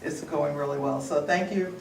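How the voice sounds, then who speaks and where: Speaking at normal speed in a low-pitched voice, a middle-aged woman from the United States sits on a panel discussing her book. Her casual conference talk is chatty and joking, and she laughs at her own lines. The sound is distant and echoey from a large hall, with audience noise.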